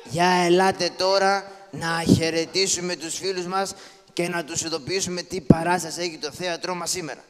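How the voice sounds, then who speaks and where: A man's voice: high-pitched, steady tone, a bit bright. A man voicing a scrappy, poor comic father in a live shadow-puppet show, bossy and teasing as he scolds his children. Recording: echoey hall, live show.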